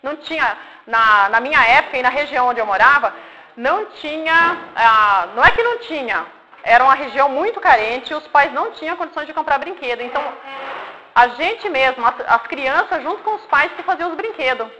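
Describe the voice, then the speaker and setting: In a rough recording, a fortyish woman from Paraná, Brazil talks informally to children about her life and fields their questions. Her high voice is expressive, fairly quick, pushed and bright. She uses simple, friendly explanations, checking often with "tá?" and "né?".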